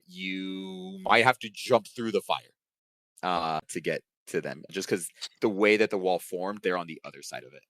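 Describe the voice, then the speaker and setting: A man with a very low voice runs a tabletop game as game master over an online call. He narrates in a relaxed way, with many fillers. The sound is dry and close. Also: moderate pace, creaky, no room sound.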